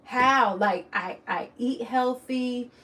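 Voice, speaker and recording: A woman's voice: medium pitch, fairly even intonation, measured pace. A young woman telling a personal story on her vlog, emotional and candid, often restarting her sentences. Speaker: vlogger.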